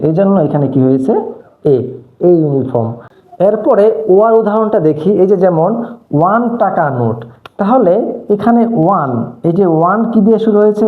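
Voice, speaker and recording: A teacher giving a grammar lesson, who keeps asking the class questions and then answering them. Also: medium pitch. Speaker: English teacher. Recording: echoey, phone-like narrow sound.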